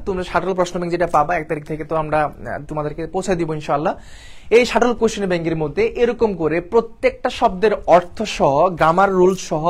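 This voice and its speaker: A man with a Bangladeshi Bengali accent teaching an online exam-prep English lesson, repeating points and checking in with students often. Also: sits high. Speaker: admission test English teacher.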